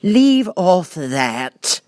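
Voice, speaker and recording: A man voicing a furious, impatient playing-card queen in a shrill, commanding storybook voice. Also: very animated, extremely slow, darkish tone, no room sound, exaggerated voice. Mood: imperious, impatient. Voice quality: shrill, screaming.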